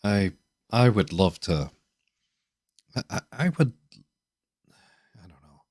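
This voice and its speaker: A man hosting a casual chat on a video call, halting, with many restarts and fillers. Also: on the low side, lively intonation, a little mellow, no room sound, studio quality. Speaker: host.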